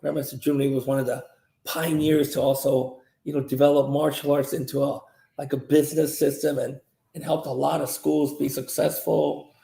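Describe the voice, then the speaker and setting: A South Korean-born martial arts grandmaster in his fifties answers interview questions in a rambling manner, full of fillers and restarts. His voice is a little high, creaky and mellow, with a flat delivery at normal speed. The recording has a roomy echo.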